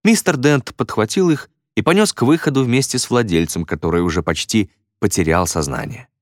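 A man reads a story aloud with expressive delivery and a lively pitch line. His voice sits low, and the close studio sound is dry with no room. The reading is scripted and steady. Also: fairly quick, no room sound. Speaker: audiobook narrator. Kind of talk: scripted narration.

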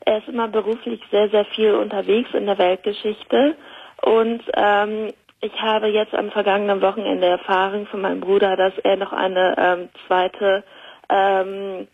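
A woman's voice: medium pitch, level tone, unhurried, vocal fry, slightly rough. A woman in her mid-thirties from Germany, telling a personal story hesitantly as a caller to a talk show. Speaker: radio call-in guest. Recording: narrow tinny telephone line.

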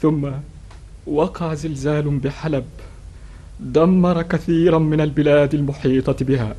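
Mellow sorrowful messenger. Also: male voice, fairly high pitch, steady tone, measured pace. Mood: mournful. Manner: formal, mournful. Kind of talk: historical drama in classical Arabic.

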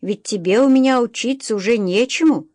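Woman reading as a gruff blacksmith master. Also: on the high side, brisk, no echo, studio quality, pitched above the performer's own voice, natural voice. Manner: gruff, a bit hurt, loudly encouraging. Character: gruff middle-aged male blacksmith master. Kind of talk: audiobook reading.

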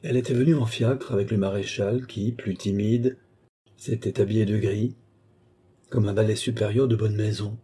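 A man narrating a classic novel as an audiobook reader in a measured literary reading. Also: fairly low pitch, steady tone, warm tone, slightly rough. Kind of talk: scripted narration.

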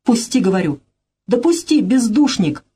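A panicky middle-aged swindler, frantic and wailing, as a woman reads him aloud in a stage-play recording. The voice sits high and tense with alarm, yet the tone stays dark and husky. He exclaims in bursts and cries out his dread. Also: sing-song, normal speed. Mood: furious.

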